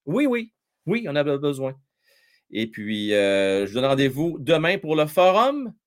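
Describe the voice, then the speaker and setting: A man's voice: on the high side, wildly swooping pitch, unhurried. A man with a Quebec French accent hosting a casual live hockey stream, joking and reading viewers' comments aloud. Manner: chatty, jokey, reads viewer comments aloud, many fillers.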